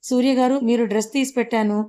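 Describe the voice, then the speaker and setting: Woman narrator as a soft-spoken young wife in an audiobook, quick and warm. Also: fairly high pitch, steady tone, close to an everyday voice. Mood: tender. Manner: soft, pleading. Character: gentle young wife and mother. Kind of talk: audiobook character reading.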